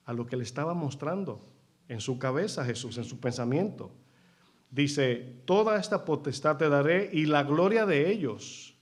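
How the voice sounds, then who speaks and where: A man preaching a sermon as pastor. He asks the congregation questions, calls them brothers, and acts out short dialogues in changed voices. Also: fairly high pitch. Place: church.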